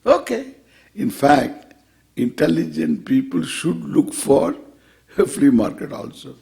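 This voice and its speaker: A man's voice: a little high, sing-song, slow pace, vocal fry, warm tone. A man with an Indian English accent gives an informal spiritual discourse as a swami, playful and wry, posing questions, answering them and repeating phrases for emphasis.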